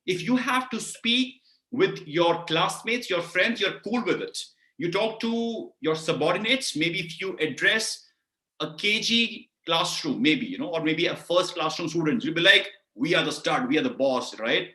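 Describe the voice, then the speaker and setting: A man with an Indian English accent giving an animated webinar talk on public speaking, often putting questions to his listeners. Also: high voice, a little slow, reverberant. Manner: animated, lots of vocal variety, keeps asking the audience questions.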